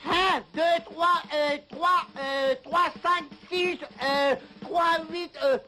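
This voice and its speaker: An actor playing a pompous, hot-tempered and dim-witted warlord villain in a cartoon, with a blustering delivery. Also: male voice, very high voice, fairly even intonation, extremely slow, slight background noise, heavily acted. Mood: confused. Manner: blustering, shouting insults. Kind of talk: French animated cartoon voice acting. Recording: lo-fi VHS cartoon soundtrack, loud music.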